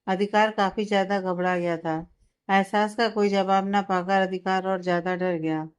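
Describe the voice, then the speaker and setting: A woman tells a romantic family story in a clear, smooth voice of middling pitch. She reads every line herself, the worried husband's and the tearful wife's alike, and makes the wife sound like a small child. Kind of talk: dramatic story narration with voiced dialogue.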